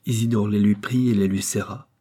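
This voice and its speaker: A man narrating a classic novel as an audiobook, measured and steady. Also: on the low side, slightly rough.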